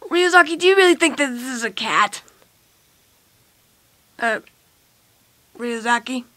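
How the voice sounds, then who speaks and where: High, bright, excitable young woman. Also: unhurried, dry recording. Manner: excitable, exclaiming, role-playing bickering anime characters. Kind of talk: playful improvised puppet skit with plush toys. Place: small carpeted room at home.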